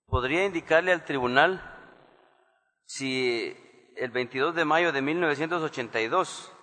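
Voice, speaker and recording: A man questioning a witness in court, formal, slow and deliberate. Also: on the high side, pushed and bright, big-room sound.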